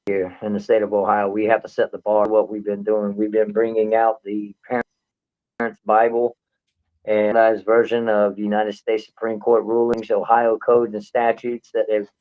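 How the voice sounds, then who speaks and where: Man on a buzzy glitchy call line. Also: on the low side. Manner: blunt, fired-up, repetitive rallying speech. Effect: buzzy, glitchy call audio. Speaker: guest activist. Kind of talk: impassioned advocacy talk on a live show. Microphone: remote call connection. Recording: tinny phone-like call line.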